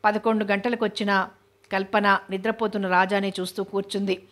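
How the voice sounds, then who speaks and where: Lady reading a novel aloud, super even flat tone. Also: mid-range voice, brisk. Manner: steady, even narration. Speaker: novel reader.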